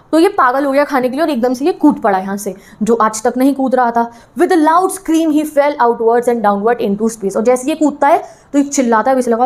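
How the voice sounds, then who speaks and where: Woman teacher, high voice, slow English reading, playful Hindi explanations, lesson. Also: darkish tone. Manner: reads English text slowly, then explains playfully in Hindi.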